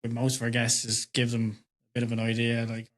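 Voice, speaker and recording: Man, podcast host; relaxed, rambling questions, studio mic. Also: medium pitch, a little fast. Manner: easygoing, loosely phrased questions with fillers. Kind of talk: interview questions.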